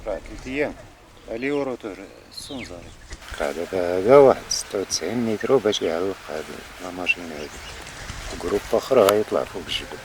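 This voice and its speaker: A man's voice: low-pitched, expressive, quick pace, darkish tone, slight background noise. A middle-aged man with a Moroccan accent explaining informally as a local guide, mixing in French words. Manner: mixes French words into his talk.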